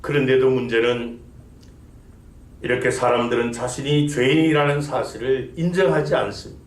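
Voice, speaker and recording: Speaking mid-range at normal speed with fairly even intonation, a male senior pastor delivers a sermon in the church sanctuary, raising emphasis and posing rhetorical questions. The space echoes.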